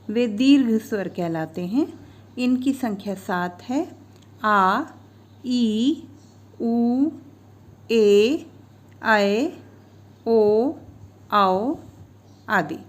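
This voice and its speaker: A woman's voice: a little high, a little mellow. A woman in her fifties narrating a scripted grammar lesson over slides, spelling out each sound and example with care. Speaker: teacher.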